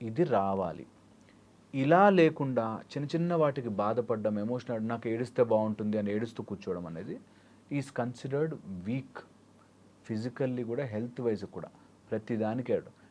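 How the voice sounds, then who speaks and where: A man's voice: medium pitch, normal speed, darkish tone. Male life coach in an interview, advising through homely examples with English phrases mixed in. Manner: explains with everyday examples, mixing English phrases. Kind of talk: interview answers.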